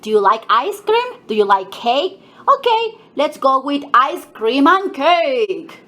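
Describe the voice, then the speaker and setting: A woman from Colombia, hosting a craft workshop and giving cheerful, clear instructions to young children. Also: sits high, sing-song, bright, forceful tone, slight background noise. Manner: cheerful, slow and clear, talking to small kids. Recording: echoey room, mic at a distance.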